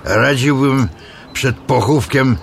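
A man playing a grim gravelly townsman. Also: medium pitch, slow, slight background noise. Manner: grim, blunt. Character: gloomy middle-aged townsman, grim and superstitious.

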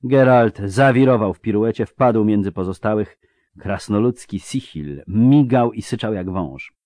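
A man in scripted audiobook narration, telling the story in a measured, dramatic way. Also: on the low side, a little mellow, no echo, clean studio sound.

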